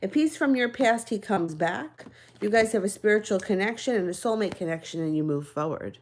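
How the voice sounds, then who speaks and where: A tarot card reader does live-stream readings in a casual, chatty, reassuring manner. Her mid-range voice is expressive, slightly fast and darkish, and she sounds a bit out of breath and somewhat nasal from congestion.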